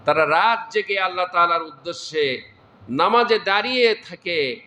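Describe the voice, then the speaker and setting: A man's voice: high voice, animated, normal speed, bright, forceful tone. A man preaching a sermon, explaining scripture verse by verse and often breaking into exclamations of praise. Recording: echoey room.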